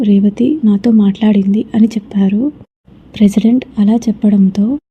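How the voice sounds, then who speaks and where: Breathy, flat-voiced woman telling a horror story. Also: medium pitch, muffled recording. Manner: soft, often slipping into a whisper.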